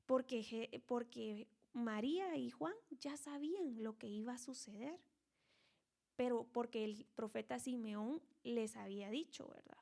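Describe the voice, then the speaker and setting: Higher-voiced woman teaching scripture conversationally. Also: creaky, mellow. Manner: conversational, frequent tag questions; dramatizes scripture characters. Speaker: Bible teacher. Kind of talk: online Bible study teaching.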